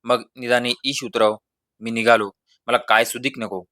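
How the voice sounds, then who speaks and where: A man's voice: mid-range voice, moderate pace, no echo, studio quality, natural voice. A man reading a storybook voices a stubborn male ghost possessing a village boy, refusing curtly again and again. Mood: pleading. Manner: curt, repeating flat refusals, later wailing in pain.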